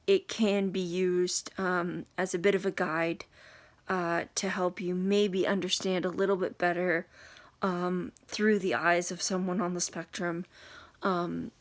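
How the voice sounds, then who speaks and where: A young woman giving an unscripted talk to camera, halting and hesitant, with many pauses and fillers. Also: lowish voice. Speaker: video blogger reviewing a book.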